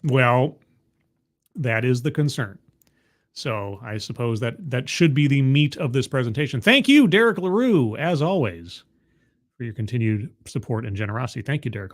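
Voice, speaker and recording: This is casual live-stream commentary from a man reacting to a video. He speaks at a moderate pace with an expressive, medium-pitched voice, dropping skeptical, wry asides and thanking chat viewers.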